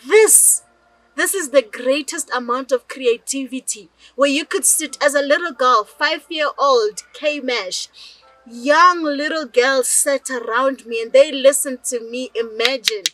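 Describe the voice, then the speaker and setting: South African woman, young adult, high voice, chatty, keeps asking the viewer questions, personal vlog to camera. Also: a little slow, fairly bright tone, rough recording. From rural South Africa. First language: Northern Sotho (Lobedu). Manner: chatty, addresses viewers directly with rhetorical questions. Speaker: storyteller.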